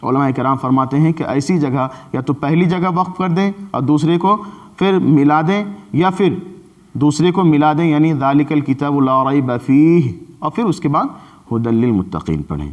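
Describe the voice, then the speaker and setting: A man with an Indian Urdu accent teaching a Quran recitation lesson in a mosque, explaining patiently and slowing down to chant his examples. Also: a little high, expressive, dull audio.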